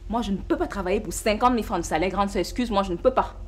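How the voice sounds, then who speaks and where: A woman's voice: medium pitch, slight background noise, lightly acted. A woman with a Cameroonian French accent playing a poor, defiant younger sister who demands help. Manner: brash, quick, defiant.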